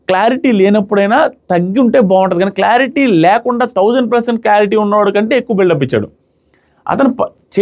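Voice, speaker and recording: Fast, high-voiced man. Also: a little mellow. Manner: sarcastic, acts out what people said. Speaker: show reviewer. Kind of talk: casual commentary review.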